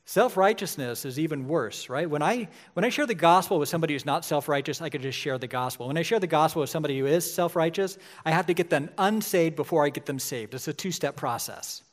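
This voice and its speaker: Preaching in a chatty style, this pastor in his forties has a voice on the high side and talks fast, barely pausing, often asking "right?" to check in.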